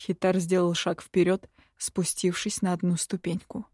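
A woman narrating a fantasy audiobook in the first person, slow and even. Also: fairly low pitch, no echo, studio quality.

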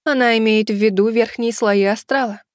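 A woman gives voice to a calm young fox woman who explains matters patiently and knowingly. The voice sits a little high and sounds dry and close to the mic. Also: normal speed, no echo, natural voice. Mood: explaining. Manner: composed explanatory tone. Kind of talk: audiobook character voice.

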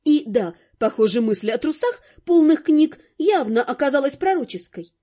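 A woman narrating an audiobook in the first person, lively and expressive, over faint music on a dull lo-fi recording. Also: sits high, normal speed.

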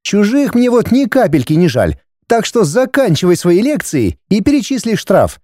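A man reading a story voices a haughty, scornful aristocratic wife and mother, pitching her high and shrill with big swings and a dismissive, indignant edge. The tone is dark, the pace moderate, and the recording dry and close, with no room sound.

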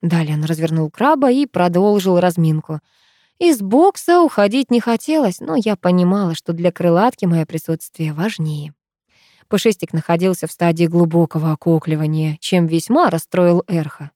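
A woman reading a first-person fantasy audiobook in an even storytelling manner. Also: fairly low pitch, normal speed, dry recording, clean studio sound. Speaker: audiobook narrator.

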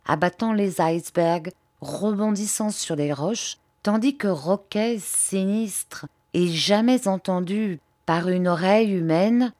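A woman narrating a novel as an audiobook reader, in a steady storytelling manner. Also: on the low side, dry recording, clean studio sound. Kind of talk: scripted narration.

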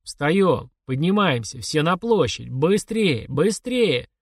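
A man's voice: a little high, big pitch swings, slow pace, no echo, studio quality, full character voice. Man doing a crude bragging village guard.

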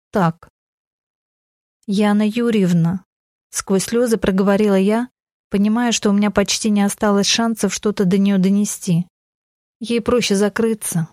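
A woman's voice: medium pitch, a little mellow, dry recording, studio quality. A woman narrating a novel in the first person, with earnest, emotional delivery. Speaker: audiobook narrator.

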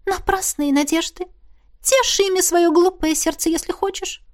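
A woman's voice: very high voice, fairly even intonation, normal speed, voice pushed up. A woman voicing a lovesick, gloomy ghost girl who talks in a mockingly sweet sing-song.

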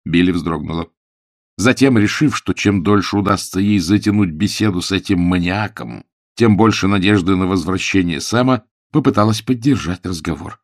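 Male storybook narrator, low-pitched, animated, recorded close and dry. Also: moderate pace, dry recording. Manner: expressive, animated reading. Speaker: audiobook narrator. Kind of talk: scripted narration.

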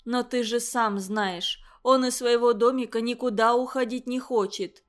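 Woman reading as a gentle caring mother. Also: fairly high pitch, fairly even intonation, unhurried, lightly acted. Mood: worried. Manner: soft, soothing.

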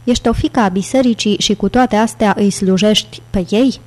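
A menacing, violent giant of a monk in an audiobook, voiced by a woman narrator. He issues cold, slow threats in a mellow tone at a middle pitch. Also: close to an everyday voice.

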